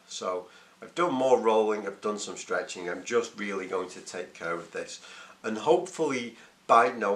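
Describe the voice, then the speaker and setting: A man's voice: lowish voice, pushed and bright, roomy sound. A man recording a casual, hesitant video diary, thinking aloud as he talks. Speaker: runner vlogging his race preparation.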